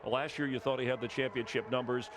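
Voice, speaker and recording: A man in his fifties hosting a live pre-race show, moving the talk along in a brisk, bantering way. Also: medium pitch, fairly even intonation, background noise. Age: 50s. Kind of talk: live sports broadcast hosting.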